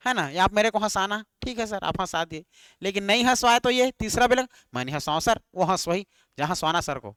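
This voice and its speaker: A man's voice: high-pitched, pushed and bright, smooth, dry recording. A man teaching an exam-prep grammar lesson, repeating words and quizzing his students with questions. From Chhattisgarh, India.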